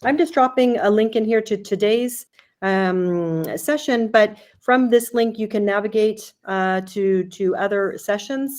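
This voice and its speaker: A woman's voice: medium pitch, darkish tone. A woman opens an online user group meeting. She speaks casually and invitingly, with plenty of ums and uhs. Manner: friendly, welcoming, with fillers. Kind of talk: casual webinar hosting.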